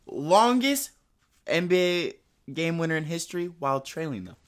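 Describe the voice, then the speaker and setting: A man co-hosting a casual sports podcast, excitable and quick to rattle off stats. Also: on the high side. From Portland area. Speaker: podcast co-host.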